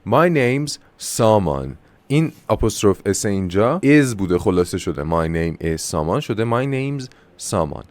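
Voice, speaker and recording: A low-pitched man with a Persian accent teaches an English lesson casually, his voice rising and falling a lot. He talks fast in Persian and slows down for the English examples. The sound is dry and close. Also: lively intonation, a little mellow, dry recording. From Iran.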